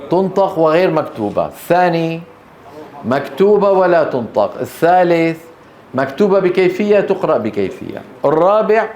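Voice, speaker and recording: Man, teacher lecturing a class, fairly high voice, slowly drawn-out example words. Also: darkish tone, a little hiss or hum. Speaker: Quran recitation teacher. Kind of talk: classroom lecture on Quranic recitation rules. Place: lecture room with students.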